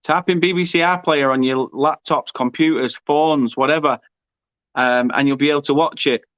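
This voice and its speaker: A man hosts a live football watchalong, chatting and reacting to the match in a slightly high, clear, resonant voice at a moderate pace. He's excitable and shouts at goal moments, and the recording sounds dull, dry, and lo-fi.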